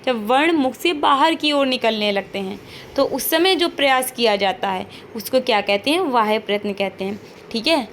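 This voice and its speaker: Woman teacher, high-ish voice, keeps asking the class questions, bit of hiss behind. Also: animated, moderate pace, fairly bright tone. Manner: patient, repeats points and models sounds aloud; checks in with frequent rhetorical questions. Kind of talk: online classroom lesson.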